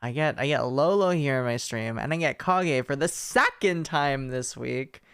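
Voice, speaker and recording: Streamer host, androgynous mid pitch, smooth clear voice, excitable rambling chat delivery, close dry mic. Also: normal speed, no room sound. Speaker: livestream host. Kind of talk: casual livestream chat with viewers.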